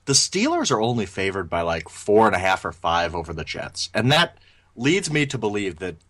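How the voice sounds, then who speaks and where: A man co-hosting a casual sports podcast, animated and opinionated, often restarting his sentences as he talks. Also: on the low side, normal speed. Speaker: podcast co-host.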